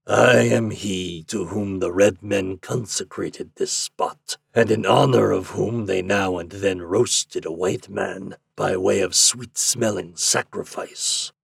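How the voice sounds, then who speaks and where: A man doing a growling, hoarse forest devil. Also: low voice, fairly even intonation, no room sound, full character voice. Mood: gruff menace. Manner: slow, deliberate, brooding. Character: gruff sooty forest devil, male, menacing.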